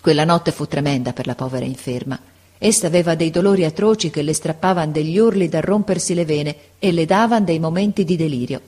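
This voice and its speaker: A woman narrating a classic story aloud in an expressive, measured reading. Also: low voice.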